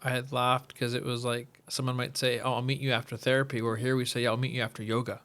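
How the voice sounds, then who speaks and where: A man's voice: mid-range voice, flat delivery, fast, fairly bright tone. A man hosting a podcast interview, reflecting on the episode and asking questions. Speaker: podcast host. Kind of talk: interview conversation.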